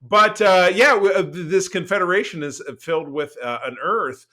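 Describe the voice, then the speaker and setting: On a podcast he co-hosts, a man chats casually about TV, enthusiastic and emphatic but halting, often repeating words. His voice is high-pitched with a sharp edge.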